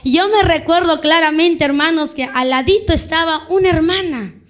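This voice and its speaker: High-voiced woman preaching a fervent testimony. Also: moderate pace, fairly bright tone, faint music behind. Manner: fervent, addresses listeners as brothers, quotes others in dialogue. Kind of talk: sermon testimony.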